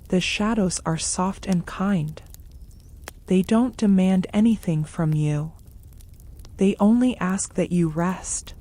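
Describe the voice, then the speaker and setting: A woman narrates a gentle story meant for sleep. Her voice is dark, relaxed and a little low, with a hushed softness. She moves very slowly through each measured phrase, keeping the delivery soothing.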